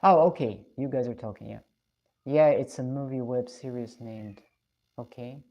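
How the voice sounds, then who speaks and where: A woman's voice: very deep voice, normal speed, dark tone, highs cut off. A woman from Russia, chatting casually on a live stream and reading out comments. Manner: chatty, reflective, laughs often.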